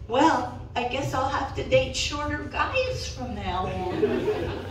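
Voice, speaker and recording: A woman with a high, expressive voice does a bawdy, self-deprecating stand-up set in a small indoor cat cafe with an audience, a crowd audible behind her. She is older, and her delivery is punchy with drawn-out pauses. Recorded from the audience by camera while she used a handheld mic, the audio is distant, roomy, and really echoey, with some room noise.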